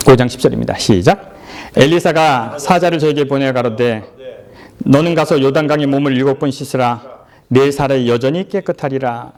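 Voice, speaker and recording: Brief: middle-aged man, pastor's chatty sermon, acts out the characters, slightly high voice. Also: darkish tone. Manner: conversational, asking the congregation questions.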